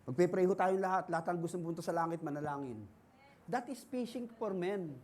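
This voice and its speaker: A man with a Filipino accent, a pastor preaching an energetic sermon, telling stories and acting out the people in them. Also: high voice, a little fast, a little hiss or hum. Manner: animated preaching, acts out dialogue, laughs often.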